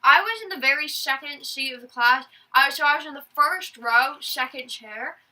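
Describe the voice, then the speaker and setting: A woman's voice: high-pitched, normal speed, distant mic, rough recording. A young woman telling stories casually and chattily as host, saying w in place of r. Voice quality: cannot pronounce r, says w for r. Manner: excitable, chatty, exclaiming. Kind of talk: casual storytelling to camera.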